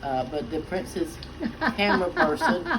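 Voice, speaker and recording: A woman's voice: on the low side, very animated, measured pace. Mama type, middle-aged, chatty home cook, lots of uhs, noisy kitchen behind her. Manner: chatty, homey, many "uh" fillers. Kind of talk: casual cooking demonstration.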